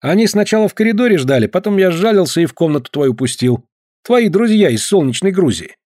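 A raised, mocking voice of a sneering neighbour, as a male narrator puts him on. It lilts up and down with a sarcastic edge, in an audiobook read. The tone stays dry and a little husky. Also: sits high, big pitch swings, a little fast, a little mellow, no echo, pitched above the performer's own voice.

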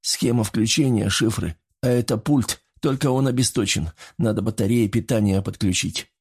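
A man voicing a wounded male radio operator who explains things in a hurried, anxious way, in an audiobook. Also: lowish voice, darkish tone, slightly rough. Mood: explaining.

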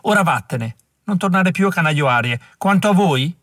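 A man's voice: sits high, lively intonation, moderate pace, a bit bright, no echo, studio quality, voice pushed up. A man voicing a fierce, vengeful widow with second sight, speaking grave prophetic curses in an audiobook. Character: fierce vengeful Mohawk widow, seer, woman.

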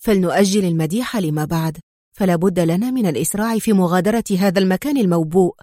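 A woman voicing a bold male secret agent hero who speaks calmly, with mockery and firm command. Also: lowish voice, fast talker, no echo, studio quality, lightly acted. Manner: calm, mocking, commanding.

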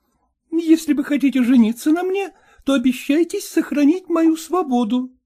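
A male storyteller voicing a lively, frank young woman who firmly sets her terms, in a brisk, coaxing, insistent manner. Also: very high-pitched, pitched above the performer's own voice.

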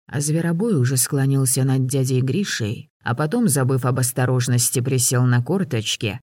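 A man's voice: mid-range voice, normal speed, darkish tone, no echo. Man reading an audiobook, dry sound. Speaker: audiobook narrator. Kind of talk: scripted narration.

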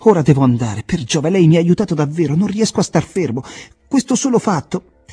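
A man reading the part of an earnest, excitable young ship's officer in an audiobook, his voice rising high and loud in agitated bursts. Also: brisk, husky, faint music behind.

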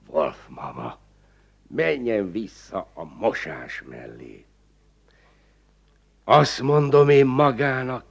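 An actor playing a pompous small-town magistrate in a radio play, blustering and quick to shout. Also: male voice, medium pitch, vocal fry. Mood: weary, self-pitying. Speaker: village magistrate. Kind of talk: 1950s radio play acting.

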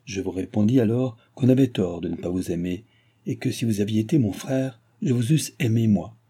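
A man's voice: on the low side, a little fast, warm tone, slightly rough. A man voicing a proud, jilted young woman who speaks indignantly and pleads in a read-aloud novel. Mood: wistful.

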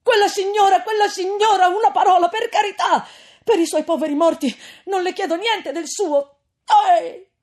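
A woman shouting as a frantic young man. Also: extremely high pitch, normal speed, voice pushed up. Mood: begging. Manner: frantic pleading cries. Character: desperate young man, pleading then defiant.

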